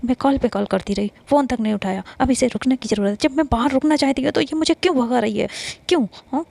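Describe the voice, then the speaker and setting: A woman's voice: medium pitch, fast, gravelly, warm tone, no echo. A woman voicing a proud, headstrong young woman who talks in an indignant, bossy way. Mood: furious.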